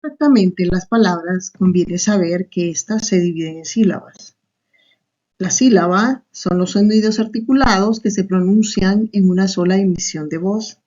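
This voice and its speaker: Speaking at a moderate pace in a dark, mid-range voice, this Salvadoran-accented teacher walks through her online lesson one step at a time. She frequently tacks on little questions, and the recording sounds muffled and lo-fi.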